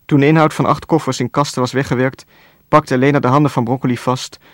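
A man reading a novel aloud as narrator, in a calm, even storytelling voice with a dry wit. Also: mid-range voice, fast talker, no room sound. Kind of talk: scripted audiobook narration.

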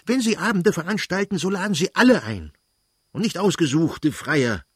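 A man's voice: on the high side, sing-song, slightly rough, no room sound, studio quality, voice pushed up. A man voicing a hot-tempered elderly prince who scolds his wife in scornful outbursts, in a reading of a novel. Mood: ranting. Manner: blustering, scornful, quick outbursts.

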